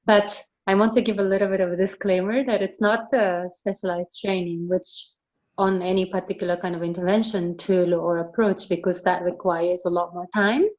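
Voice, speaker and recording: A woman's voice: fairly low pitch, steady tone, moderate pace, darkish tone, lo-fi sound. A young woman from Japan who grew up in the Netherlands, a guest speaker on a video call, polite and a little hesitant, with fillers. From Japan, raised in the Netherlands. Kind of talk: online meeting talk.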